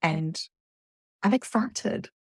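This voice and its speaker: A middle-aged woman from South Africa, a guest telling her story in an earnest, reflective way, halting at times. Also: on the low side, expressive, slightly rough, dry recording, clean studio sound. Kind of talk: emotional personal interview.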